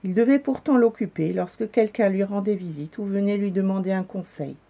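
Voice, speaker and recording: A woman reading a children's story aloud in a calm, gentle manner. Her voice is mellow and soft, at a middle pitch. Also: fairly quick.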